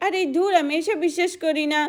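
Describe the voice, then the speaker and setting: A woman voicing a kind, sensible village girl who talks earnestly and scolds gently. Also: extremely high pitch, fast talker.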